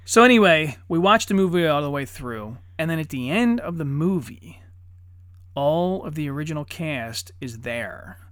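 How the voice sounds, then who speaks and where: A man in his thirties, a father and podcast co-host, telling stories in lively casual chat, swearing often and acting out quotes. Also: fairly high pitch, moderate pace, clear, resonant tone, dry recording, clean studio sound. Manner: animated storyteller, swears often, acts out quotes.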